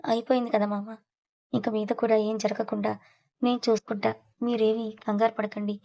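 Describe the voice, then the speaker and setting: A woman's voice: on the high side, little pitch movement, normal speed, gravelly, dark tone. A woman voicing a young husband who talks in a teasing, reassuring way, in an audio story. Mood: confident. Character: young man, playful, protective husband.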